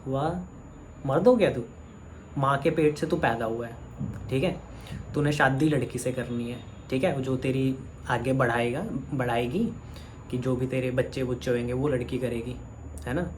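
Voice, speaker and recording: A man's voice: medium pitch, little pitch movement, normal speed, slight background noise. A man speaks in a mid-range voice, lecturing a commenter head-on. His heated rant runs on in short, pointed phrases. It is a vlog talk aimed straight at the camera. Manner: scolding, addresses a commenter directly. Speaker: vlogger.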